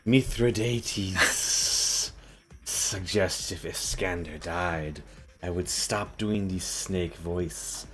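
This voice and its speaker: A man voicing a cold, ominous snake-like male creature in a hushed, drawn-out snake voice for a tabletop game. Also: deep voice.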